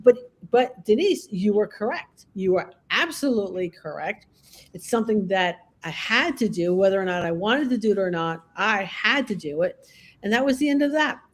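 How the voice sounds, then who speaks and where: A woman's voice: mid-range voice, expressive, normal speed. A woman who works as a groomer and educator, telling stories in casual conversation and often checking in with "okay?" and "all right?".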